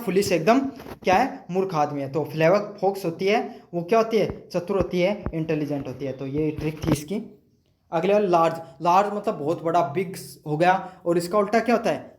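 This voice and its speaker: Male teacher, high voice, quizzes students with rhetorical questions, echoey room. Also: darkish tone. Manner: explains with rhetorical questions and memory tricks. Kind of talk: exam-prep vocabulary lesson.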